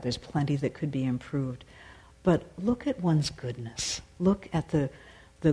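Taking questions after her dharma talk, a meditation teacher and singer speaks in a searching, considered way full of pauses and fresh starts. Her pitch sits low and her tone is dark.

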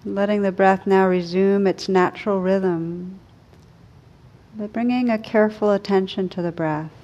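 A woman meditation teacher guides a meditation gently and unhurriedly, soothing and with long pauses. Her voice is medium-pitched and steady, and the recording sounds muffled.

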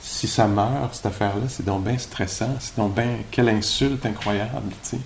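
Low-voiced Québécois man teaching meditation. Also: normal speed, creaky, slight background noise. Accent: Québécois French. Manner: informal, conversational, musing aloud with rhetorical questions. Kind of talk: informal dharma talk at a retreat. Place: meditation retreat hall.

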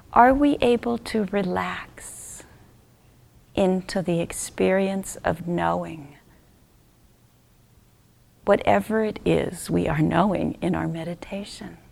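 In a medium-pitched voice with vocal fry, a female meditation teacher leads a guided session. Her gentle, unhurried phrases are brief and drift off into a near-whisper.

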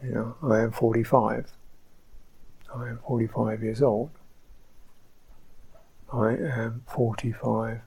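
A man giving a slow, reflective dharma talk as a meditation teacher on a retreat, pausing often. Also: mid-range voice, level tone, creaky, breathy edge, rough recording. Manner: slow, reflective, soft-spoken with pauses. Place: retreat centre hall.

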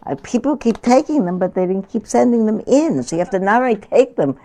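This meditation teacher, a woman in her sixties, keeps things warm and chatty with her retreat group and breaks into laughter frequently. She talks fairly quickly in a medium-pitched, animated voice.

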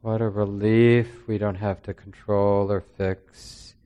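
A low-voiced man leads a breathing meditation in a steady, nearly flat tone. His voice is smooth and clear, and he lets long pauses fall between his soft, calming instructions. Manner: slow, soft-spoken, calming. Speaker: meditation teacher.

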